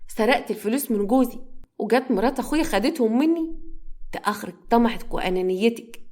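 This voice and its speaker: Woman doing an older egyptian mom scolding her daughter, quick. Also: on the high side, animated, a little mellow, lightly acted. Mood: reproachful. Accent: Egyptian Arabic. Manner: reproachful.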